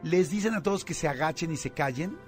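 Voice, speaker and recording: A man with a Mexican accent hosting a radio show, telling a story in a lively way with lots of fillers. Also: on the high side, fast talker, faint music behind. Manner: animated storytelling with many fillers. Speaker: radio host. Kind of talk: casual radio chat.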